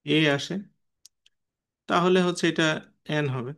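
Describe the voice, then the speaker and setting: A man's voice: fairly high pitch, slow pace, vocal fry, a bit bright. A man with a slightly raised voice, teaching an online class. He explains patiently and often puts questions to his students by name. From Bangladesh.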